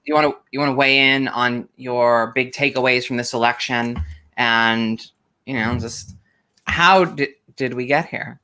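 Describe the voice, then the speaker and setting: A man's voice: mid-range voice, steady tone, measured pace, sharp tone, clean tone. A man hosting a podcast, speaking in an easygoing, slightly hesitant way. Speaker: podcast host. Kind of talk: casual podcast chat.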